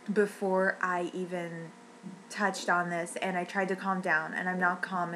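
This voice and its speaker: A woman's voice: medium pitch, a bit bright, slight background noise, rough recording. A woman ranting in an upset, rambling way, near tears and often restarting her sentences. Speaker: fan vlogger. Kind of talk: emotional rant.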